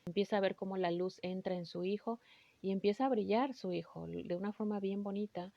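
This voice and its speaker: A woman's voice: medium pitch, steady tone, fairly quick, vocal fry, warm tone, dry recording, lo-fi sound. A woman recounting a spiritual healing session in an earnest, emotional way, often stopping and restarting. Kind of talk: personal storytelling.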